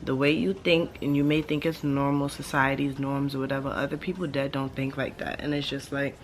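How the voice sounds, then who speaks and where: A woman's voice: a bass voice, a little fast, crowd noise. A woman in her late twenties talking casually in a laid-back stoner ramble, slangy and blunt, swearing freely as she thinks aloud. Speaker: vlogger. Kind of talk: casual rambling monologue to camera. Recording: steady background ambient noise.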